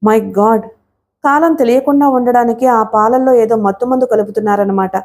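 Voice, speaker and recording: Young man, bewildered, urgent exclamations, slightly high voice, mellow, read by a woman. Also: normal speed, natural voice. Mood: startled. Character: panicked young man, a trapped traveler.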